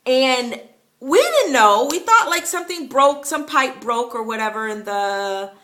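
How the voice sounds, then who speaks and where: A woman's voice: high-pitched, expressive, a little slow, fairly bright tone. A woman chatting to camera about her early days living abroad, storytelling casually with lots of fillers and the odd laugh. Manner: chatty, many fillers, laughs while telling. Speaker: vlogger.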